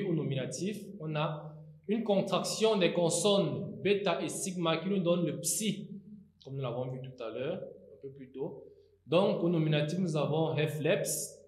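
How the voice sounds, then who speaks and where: A man teaching a grammar lesson, slowly and deliberately spelling out word forms with occasional hesitations. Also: on the high side, reverberant. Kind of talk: recorded Greek grammar lesson.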